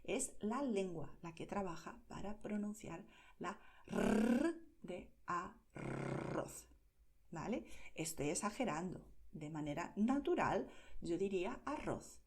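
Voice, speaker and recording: Slow, mellow Spanish teacher from Spain. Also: female voice, mid-range voice. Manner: slow, clear, over-articulated, checks in with "¿vale?". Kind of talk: pronunciation lesson for learners.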